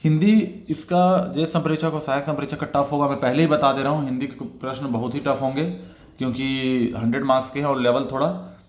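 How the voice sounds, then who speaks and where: Guy walking thru exam questions like a tutor, keeps saying ok, middle pitch, roomy echo. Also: fairly even intonation, fast. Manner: explanatory, repeats "theek hai" as filler. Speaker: exam prep teacher.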